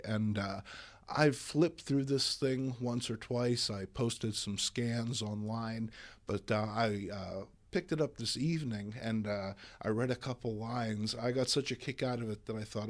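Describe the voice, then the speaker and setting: A man hosts a dramatic comic book reading, introducing it and telling the story in a theatrical, mock-grandiose style. His voice is fairly low and moves at a normal speed.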